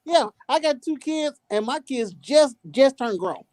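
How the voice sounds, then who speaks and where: High-voiced man in his late forties. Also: lively intonation, darkish tone, no room sound, low-quality recording. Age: 40s. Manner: drawn-out, reflective, plain-spoken. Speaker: panel guest. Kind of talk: casual panel chat.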